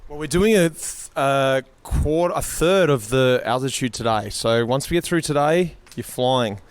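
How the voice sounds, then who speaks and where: A man's voice: mid-range voice, normal speed, smooth, no room sound. A man hosting a casual vlog outdoors, asking riders questions in a chatty, friendly way. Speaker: host. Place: outdoors on a bike ride.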